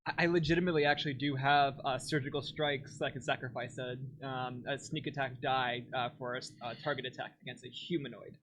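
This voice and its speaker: A man chatting casually as a player at a tabletop game, in a middle-pitched voice. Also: steady tone, fast, hardly any pauses, a bit bright, slight background noise.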